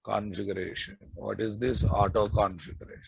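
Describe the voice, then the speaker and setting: A man's voice: fairly low pitch, flat delivery, fairly quick, creaky, husky, dry recording, rough recording. A man with a Telugu Indian accent giving a live technical lecture as an instructor, repeating key phrases and checking in with his listeners. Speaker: programming instructor.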